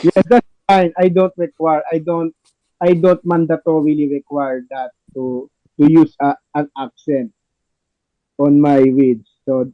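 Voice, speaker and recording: Narrating a play reading and talking with the cast, the podcast's host is a man whose halting, repetitive phrasing sounds non-native. His voice runs on the high side with a level tone, recorded dry and dull.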